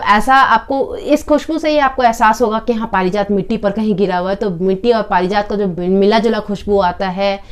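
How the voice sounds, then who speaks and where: Woman, product reviewer, casual demo, calm, unhurried, some fillers, mid-pitched. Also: clean tone.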